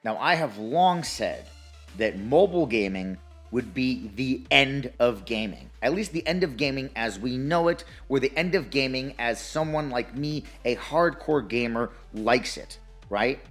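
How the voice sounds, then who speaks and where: A man's voice: medium pitch, expressive, a little slow, faint music behind. A man with a scratchy throat ranting emphatically about his views as a gaming commentator, swearing heavily. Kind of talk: opinionated rant.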